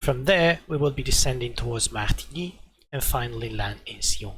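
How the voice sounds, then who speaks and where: A man hosting a flight simulator video, explaining calmly in pilot terms, his volume uneven and his microphone cutting out now and then. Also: medium pitch, normal speed. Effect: uneven volume, mic cutting out now and then. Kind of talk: narrated flight simulator walkthrough. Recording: loud background hum and noise.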